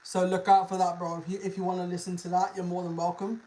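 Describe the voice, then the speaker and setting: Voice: mid-range voice, little pitch movement, fast talker, warm tone. Slangy streamer. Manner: informal, slangy, sweary, repeats phrases. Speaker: livestream host, animal content creator. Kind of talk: casual livestream chat.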